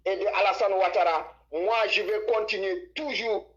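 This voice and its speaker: A man's voice: sits high, steady tone, moderate pace, fairly bright tone, lo-fi sound. A man from Senegal calling in to a live stream, talking emphatically with repeated words and restarts. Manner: emphatic, repetitive, stumbling restarts. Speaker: caller.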